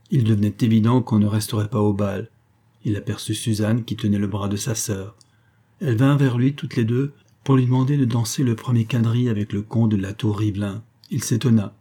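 A man narrating a classic French novel as an audiobook, in a measured, even storytelling voice. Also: fairly low pitch, breathy edge. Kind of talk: literary audiobook reading.

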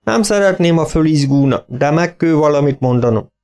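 A frantic, pleading farmer whose voice climbs high with worry, as a male audiobook narrator puts him on. He begs and urges, his words pitched well above an ordinary speaking voice. It is a storybook character read aloud. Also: lively intonation, darkish tone. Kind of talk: audiobook reading.

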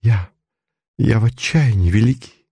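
A man putting on a hoarse frightened noblewoman. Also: fairly low pitch, a little slow, dark tone, no room sound, studio quality. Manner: desperate, pleading. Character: husky frightened noblewoman, young adult.

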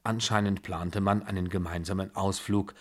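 A man reads a first-person story aloud as an audiobook, in a steady, measured delivery. His voice sits low, with a husky, slightly breathy texture. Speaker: audiobook reader. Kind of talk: scripted first-person narration.

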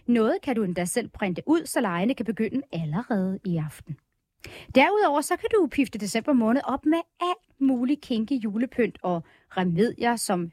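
A woman's voice: on the high side, a little mellow, no echo, studio quality. Upbeat woman podcast co-host. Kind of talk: reading an erotic story aloud, then casual chat. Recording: background music bed.

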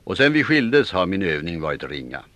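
A man voicing a stern male Viking seafarers' chief, calling out loudly. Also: low voice, big pitch swings, no room sound. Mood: steady. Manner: stern, raised calls.

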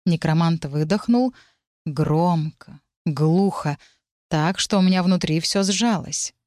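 Female audiobook narrator, first-person, even delivery, low voice, dry close mic. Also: slow, dry recording. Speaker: audiobook reader.

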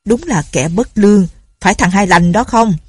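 A woman's voice: mid-range voice, normal speed, no echo, lightly acted. A woman voicing a blustering male village police sergeant who barks orders. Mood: gruff. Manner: gruff, barking orders.

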